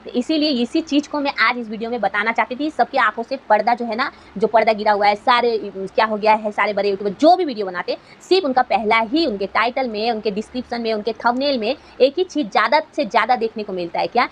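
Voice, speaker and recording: A woman's voice: a little high, fast talker, few pauses, a little hiss or hum, low-quality recording. A woman YouTuber giving an earnest motivational talk to fellow creators, asking rhetorical questions as she goes.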